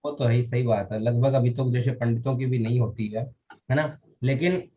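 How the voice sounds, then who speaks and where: A man teaching a Vedic ritual class, explaining rites and chanting mantras slowly, syllable by syllable, and often asking his students if they follow. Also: mid-range voice, steady tone, phone-quality sound. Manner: often checks with students, asking "all right?".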